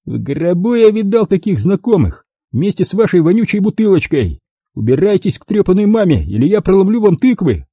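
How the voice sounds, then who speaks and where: A man's voice: sits high, big pitch swings, a little fast, dark tone, husky, dry recording, voice pushed up, heavily acted. A man voicing a coarse, cornered male former diver who snarls curses and then begs for mercy, in an audiobook reading. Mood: snarling.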